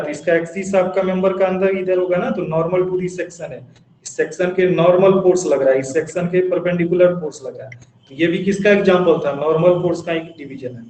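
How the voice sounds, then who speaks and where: A man with a fairly high voice teaches a classroom lecture, asking questions and answering them himself. The room is echoey, with a faint hum of ambience behind him. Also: darkish tone. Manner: dictates definitions slowly in English. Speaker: engineering teacher. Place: classroom with students.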